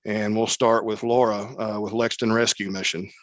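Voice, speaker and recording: A man moderates a panel discussion, with a flat, even delivery and frequent filler words. His voice sounds dry and close, with no room echo. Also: on the low side. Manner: measured, many filler words.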